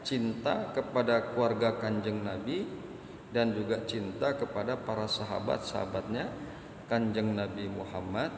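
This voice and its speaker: A man preaching a sermon, repeating phrases slowly and chanting Arabic passages. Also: lowish voice, background noise. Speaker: Islamic preacher. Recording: echoey hall, faint ambience.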